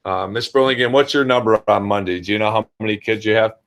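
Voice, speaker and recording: A school administrator, an American man with a fairly low, slightly bright voice, talks quickly while hosting a casual question-and-answer orientation. Speaking straight to parents and kids, he often checks in with "all right."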